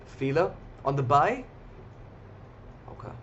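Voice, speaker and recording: A man's voice: fairly high pitch, sing-song, takes it slowly, fairly bright tone, slight background noise. Chatty man hosting a live trading stream. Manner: casual, chatty, addresses viewers directly. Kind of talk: live market commentary. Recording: slightly dull lo-fi audio.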